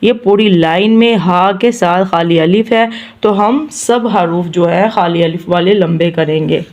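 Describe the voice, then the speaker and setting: A woman teaching tajweed, reciting words slowly and drawn out, then explaining patiently. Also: on the low side, a little mellow, muffled recording. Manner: patient, repeats each word slowly, drawn-out recited syllables.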